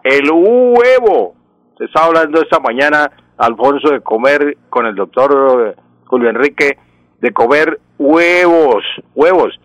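A man's voice: mid-range voice, a bit bright, no echo, low-quality recording. A Colombian man, a language expert on a radio call-in show, patiently explains pronunciation rules and stretches out the example words. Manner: didactic, drawn-out example words. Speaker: language expert answering listener questions.

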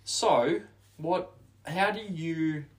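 A man's voice: a little high, drawn-out words. A young man co-hosting a casual podcast, upbeat and reflective, steering the talk with questions. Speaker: podcast co-host. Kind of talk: casual chat.

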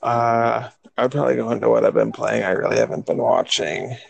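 A man with a mid-pitched voice full of heavy vocal fry chats casually. He is halting and hesitant as he talks. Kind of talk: casual chat.

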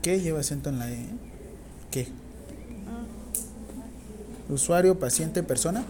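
A woman with a Mexican accent teaching a nursing class, talking casually with slang, dictating slowly and firing questions at the students. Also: low voice, dark tone, slight background noise. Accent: Mexican Spanish. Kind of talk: classroom lecture.

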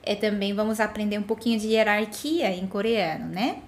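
A woman's voice: medium pitch, moderate pace. A woman giving a casual language lesson as a Korean teacher, patiently repeating words for the learner to echo.

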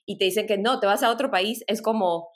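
Here a Peruvian woman in middle age, who works as a tech product director, reflects on her life story as a podcast guest, laughing softly and restarting now and then. Her voice is mid-range and brisk, carrying a mixed Latin American Spanish accent.

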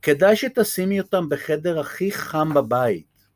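A man's voice: on the high side, lively intonation, no echo, voice pushed up, lightly acted. A man voicing an earnest pet owner who hands over his snake in a children's story.

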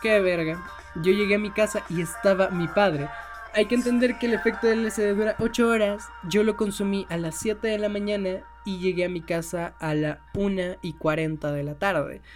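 A young man casually telling a personal story, swearing freely and laughing often. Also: fairly high pitch.

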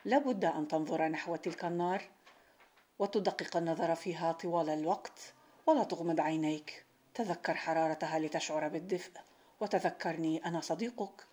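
A woman reading the lines of a wise, kind old village sheikh who speaks calmly. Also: low voice, a little fast. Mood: reassuring. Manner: calm, reassuring.

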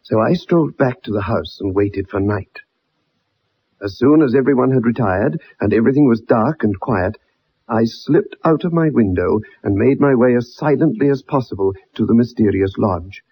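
With lively intonation and a moderate pace, a medium-pitched natural male voice performs the role of an earnest, determined young former soldier telling his story. The 1960s radio drama delivery is formal and dramatic, the old broadcast muffled, with slight background noise.

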